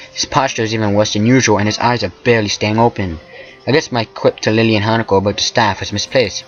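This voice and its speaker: A man's voice: fairly low pitch, highs cut off. A man reading a visual novel aloud for a let's play, stumbling over words and tossing in joking asides. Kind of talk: casual let's play narration.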